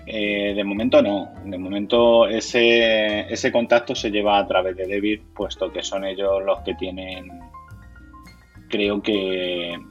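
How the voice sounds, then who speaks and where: A man from Madrid with a Castilian Spanish accent, a board game community organizer, answers interview questions conversationally and sometimes repeats words while searching for phrasing. His lowish voice is slow and fairly flat in pitch, with the highs cut off and soft music behind him.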